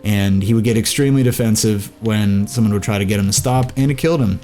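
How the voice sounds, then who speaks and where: A man's voice: on the low side, fast talker, warm tone, faint music behind. A young man talking casually and reflectively, rambling with many restarts and fillers. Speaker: gaming video creator.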